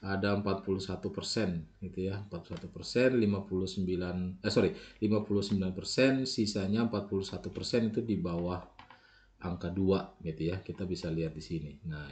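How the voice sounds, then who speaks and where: A man explains a software tool step by step in a screen-recorded walkthrough, with frequent filler tags and self-corrections. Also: deep voice. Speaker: software tutorial instructor.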